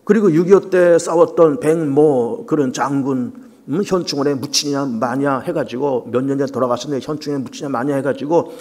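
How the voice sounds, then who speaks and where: A man's voice: medium pitch, a little fast, darkish tone. A man preaching a sermon to his congregation, talking conversationally with many fillers and rising and falling emphasis. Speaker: pastor. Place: church sanctuary. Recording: long church reverb.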